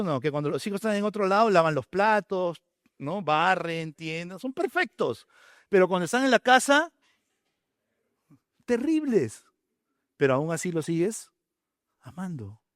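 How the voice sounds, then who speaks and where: A man's voice: on the high side, no room sound, studio quality. A man preaching a sermon, counting off his points and asking the congregation rhetorical questions. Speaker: pastor.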